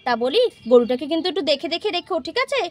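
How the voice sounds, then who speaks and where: A woman's voice: sits high, big pitch swings, rapid-fire. A woman voicing a scolding village mother. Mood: satisfied. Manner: scolding, insistent, repeats words. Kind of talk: toy-house puppet play.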